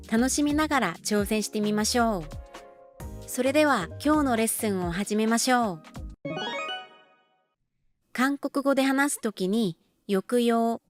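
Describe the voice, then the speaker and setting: A woman teaching Korean in a scripted podcast lesson, speaking slowly and carefully and repeating model phrases. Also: fairly high pitch. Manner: slow, careful model pronunciation with repetitions.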